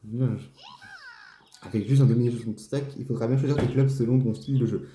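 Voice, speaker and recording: A man reading a stern male golf club official's lines aloud, slow and deliberate, as he plays a game. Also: mid-range voice, steady tone, dark tone, a little hiss or hum, natural voice. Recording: roomy echo, faint game music.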